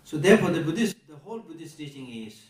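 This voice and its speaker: A man with a Tibetan accent gives a Buddhist teaching to listeners in a deliberate, emphatic way, repeating key phrases and posing rhetorical questions. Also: on the high side, sing-song. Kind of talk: Buddhist teaching to a live audience. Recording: echoey room, recorded from a distance.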